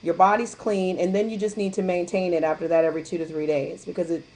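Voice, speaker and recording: A woman with a fairly low, darkish voice talks quickly in a fairly even tone. She's a guest distributor on a casual call-in chat, candidly sharing her experience, telling stories and acting out what other people said in a chatty way.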